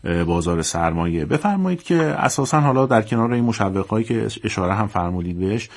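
A man with a lowish voice hosts an interview. He puts long, courteous, formal questions to his guest and now and then pauses on a filler. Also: expressive, vocal fry.

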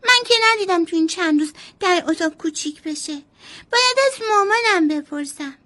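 A woman voicing a curious, earnest little boy in a bedtime storybook tale, talking in quick, high, childlike chatter. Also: expressive, sharp tone, heavily acted.

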